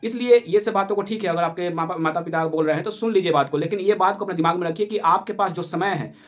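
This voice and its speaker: A man's voice: high voice, fast. A male coaching teacher, giving an urgent motivational talk to exam aspirants and repeating his warnings.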